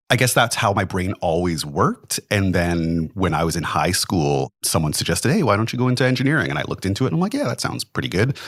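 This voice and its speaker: A young man chats casually as a podcast guest. His voice sits low, and the room sound is dry and close. He rambles a little, leaning on "like" and "kind of". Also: no echo. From Canada. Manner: relaxed and rambling, lots of "like" and "kind of". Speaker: podcast guest, building engineer. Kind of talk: casual interview chat.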